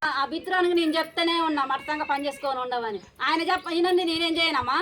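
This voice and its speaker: Fast-scolding high-voiced woman. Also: sharp tone. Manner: scolding, rapid-fire nagging. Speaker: comic actress playing a mother-in-law and villagers. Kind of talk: village comedy sketch acting.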